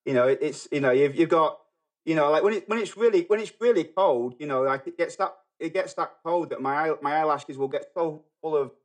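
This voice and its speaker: A middle-aged man from England with a Manchester accent, talking as a podcast guest in a halting way, full of fillers and restarts. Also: a little high. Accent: Manchester English. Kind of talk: casual podcast conversation.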